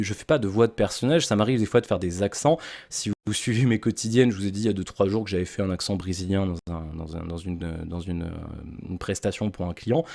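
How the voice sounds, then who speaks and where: A man with a fairly low voice, recorded dry and close, talks straight to his viewers in a casual vlog. He works in voice-over, yet here he stumbles, restarts and drops wry asides as he explains. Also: a little mellow, no echo. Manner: direct address to viewers. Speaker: voice-over artist.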